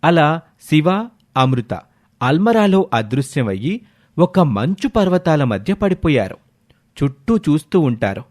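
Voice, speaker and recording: A man narrating an animated children's storybook in a steady, expressive way. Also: a little high, measured pace, pauses often. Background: faint background music.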